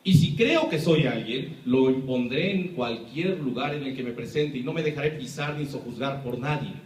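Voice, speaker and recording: A man's voice: mid-range voice, normal speed. A man with a Mexican accent giving an impassioned public talk, emphatic and full of rhetorical questions. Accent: Mexican Spanish. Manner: emphatic, rhetorical questions, acts out quoted voices. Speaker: lecturer. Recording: echoey room, speaker far from mic.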